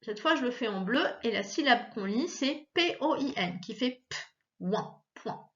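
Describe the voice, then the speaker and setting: A woman's voice: sits high, animated, normal speed, highs cut off. A woman teacher leading a recorded reading lesson for children, patiently sounding out syllables one at a time. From France.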